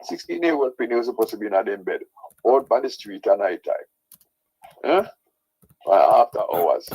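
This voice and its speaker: A man with a Jamaican accent and a husky voice, ranting as a caller to a radio show, insistently repeating his points with tag questions. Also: on the low side, lively intonation, normal speed, warm tone. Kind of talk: opinionated radio call-in rant. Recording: dull lo-fi sound.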